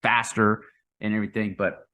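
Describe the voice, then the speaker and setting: Male crypto bro commentator, slightly low register, off-the-cuff and hyped, buddy-style slang, repeats himself for punch. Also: flat delivery, fairly quick, pushed and bright. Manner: hyped, slangy crypto bro talk, saying 'man', 'dude' and 'guys'; rambling, repeats phrases for emphasis. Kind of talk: casual unscripted market commentary.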